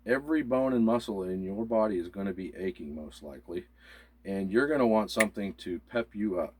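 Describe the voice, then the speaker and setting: A man's voice: on the low side, fairly quick, a little hiss or hum. A man co-hosting a casual prepping video, explaining supplies in an easygoing, step-by-step way. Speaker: co-host of a prepping channel. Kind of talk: casual demonstration chat.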